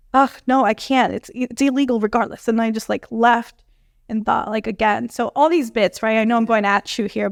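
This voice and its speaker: Brief: young woman guest, smooth resonant voice, dry close sound, lively storyteller. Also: medium pitch, dry recording. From Bolivian family. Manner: animated, many fillers, acts out quoted dialogue. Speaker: dietitian guest. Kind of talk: conversational storytelling interview.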